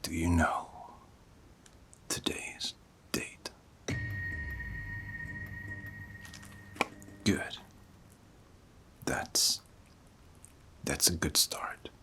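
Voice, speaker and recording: A man voicing an older, cocky, goofy devil hunter boss in a soft-spoken, breathy ASMR roleplay, with slow, mock-pompous delivery. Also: a bass voice, little pitch movement, exaggerated voice. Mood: mock formal. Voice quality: breathy, half-whispered.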